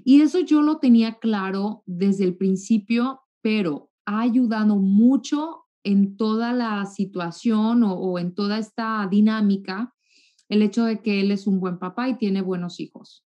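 A woman's voice: mid-range voice, measured pace, lo-fi sound. Northern mexican woman, 30s, chatty, lots of little restarts, webcam from home. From Mexico, raised in Monterrey. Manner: warm chatty, repeats words when restarting. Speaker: guest, TV journalist. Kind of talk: casual interview chat. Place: home room, indoors. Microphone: video call webcam.

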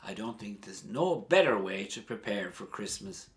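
Bright-voiced priest preaching emphatically. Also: male voice, animated. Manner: emphatic, with strong rises and drops in pitch and loudness; earnest, measured preaching. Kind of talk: sermon.

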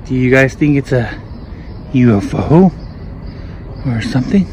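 A man vlogging outdoors on his phone at work, out of breath from loading hay, talking in a loose, excited way and swearing casually. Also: medium pitch, a little slow, slight background noise, rough recording. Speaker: vlogger filming the sky.

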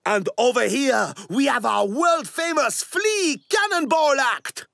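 Tiny male flea showman, grandiose, high-pitched, swooping delivery, cartoon ringmaster. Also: expressive, vocal fry, fairly bright tone, no room sound, clean studio sound, heavily acted. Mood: proud, showy. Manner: grandiose, showy announcing with drawn-out flourishes. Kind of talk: theatrical ringmaster announcing in a children's cartoon.

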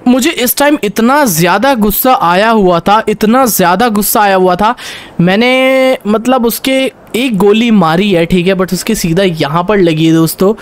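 A young man giving lively gameplay commentary in Hindi mixed with English, talking to viewers as he plays. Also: high-pitched, moderate pace, clear, resonant tone. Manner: excitable, talks to viewers, barks orders in role.

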